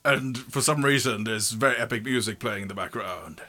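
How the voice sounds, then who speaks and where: A man's voice: fairly low pitch, brisk, sharp tone, faint music behind. A man narrating a tabletop game casually as game master, informal and joking, with sweary asides.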